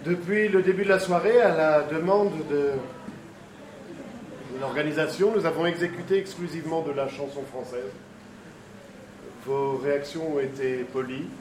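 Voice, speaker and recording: A man singing on stage with a band, teasing the audience in a dry, deadpan way between songs. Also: fairly high pitch, moderate pace, pauses often, far from the mic, noisy background. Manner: wry, teasing deadpan banter with the crowd. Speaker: stage singer and bandleader. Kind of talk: live stage banter and singing. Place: live concert stage with accordion band. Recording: live stage recording, roomy, loud accordion music.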